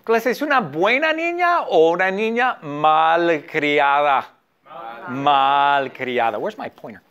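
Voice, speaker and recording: Animated slow-talking male teacher. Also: high voice, muffled recording. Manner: animated, asks the class to repeat. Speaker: Spanish teacher. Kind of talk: storytelling language lesson.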